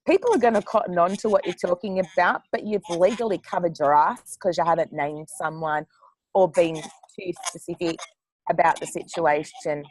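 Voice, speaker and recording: A woman's voice: on the low side, moderate pace, no room sound, poor audio. A woman author on a panel discussion who talks bluntly, swears freely and laughs often.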